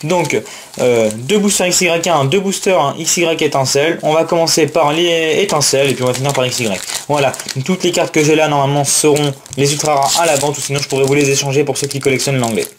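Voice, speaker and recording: A man chatting casually through a card unboxing, excited, repeating words and filling pauses with "euh". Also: fairly high pitch, a little hiss or hum. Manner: enthusiastic, repetitive exclamations and many fillers. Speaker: YouTuber opening trading card packs.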